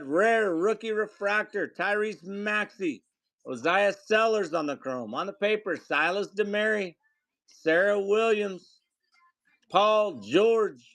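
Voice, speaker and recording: Male card-break host, high voice, unhurried, rattling off names; dry close sound. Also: a bit bright, dry recording. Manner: rattles off names, calls out hits to viewers. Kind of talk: live card break play-by-play.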